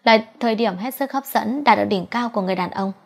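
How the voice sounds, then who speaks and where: A woman reading a romance novel aloud as an audiobook narrator, in a steady, even storytelling delivery. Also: mid-range voice, quick pace. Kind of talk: scripted narration.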